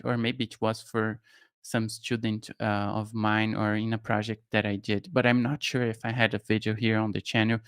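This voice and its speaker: Speaking with a Brazilian Portuguese accent, this young Brazilian man walks casually through a no-code tutorial during a live stream, thinking out loud with frequent fillers and restarts. His voice sits at medium pitch, fairly bright, clear and resonant, in a dry, studio-quality recording. He sits in a shelved home studio room with headphones on, speaking into a studio mic on a boom arm.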